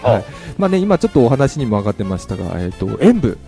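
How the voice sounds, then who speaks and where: A male radio host chats through an interview at a very quick pace. His pitch moves in a lively way and his manner is polite and responsive, with faint music behind him. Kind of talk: casual chatty interview.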